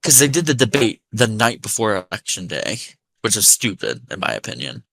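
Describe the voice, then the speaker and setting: A man's voice: lowish voice, very animated, moderate pace, creaky, sharp tone, dry recording, poor audio. A man with an American accent touched with Appalachian, telling anecdotes in a sweary, rambling casual chat. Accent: American, slightly Appalachian.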